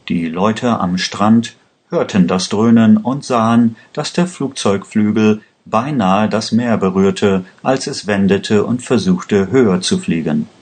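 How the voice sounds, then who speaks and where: A man narrating a language-learning story in a slow, careful, even reading. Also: fairly low pitch, husky.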